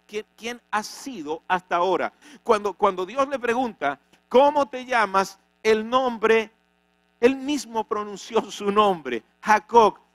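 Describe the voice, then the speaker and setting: High-voiced man preaching. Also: fairly bright tone, dry recording. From Venezuela. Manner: dramatic, rhetorical questions, acts out quoted voices. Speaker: pastor. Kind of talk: sermon. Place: church.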